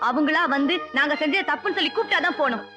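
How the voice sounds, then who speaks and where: An actress playing a sharp-tongued younger sister who snaps back fast, then comforts. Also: female voice, high-pitched, over music, natural voice. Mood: defiant. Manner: fast, retorting, then consoling.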